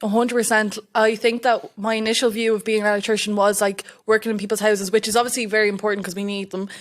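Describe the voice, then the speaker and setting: A woman's voice: mid-range voice, flat delivery, fast. A young woman from Estonia, an electrical apprentice, chatting as a guest in an interview and acting out quoted remarks as she tells a story. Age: young adult. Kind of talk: casual interview chat.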